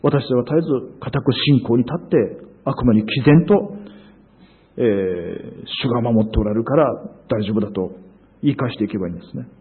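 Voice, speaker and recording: A man's voice: mid-range voice, normal speed, slightly rough. A man preaching a sermon in an earnest, emphatic way, with frequent hesitations. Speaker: pastor. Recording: phone-like narrow sound.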